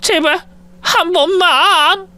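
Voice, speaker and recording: A man's voice: very high-pitched, animated, normal speed, sharp tone, clear, resonant tone, pitched above the performer's own voice, heavily acted. A man voicing an older mother-in-law who pleads and scolds in old-fashioned speech. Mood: pleading.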